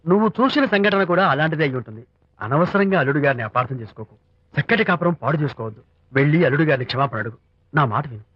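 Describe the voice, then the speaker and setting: An actor playing a young film hero who lashes out with fiery insults in dubbed film dialogue. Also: male voice, a little high, animated, fast, breathy edge, no room sound. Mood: gentle. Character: young hero defending his father. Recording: dry, dull film track with music.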